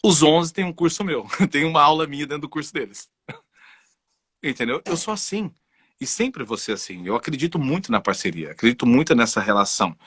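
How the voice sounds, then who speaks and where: A Brazilian man who specializes in voice and communication is a guest in a casual, conversational interview, telling animated personal stories and often saying "entendeu?". His husky, bright voice is fairly high and fairly quick, with a Brazilian Portuguese accent, in a dry, studio-quality recording.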